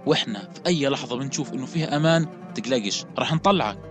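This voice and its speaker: A man playing a calm, loyal male fighter who talks in a soothing, reassuring way over soft music. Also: mid-range voice, rapid-fire, lightly acted. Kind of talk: radio drama acting.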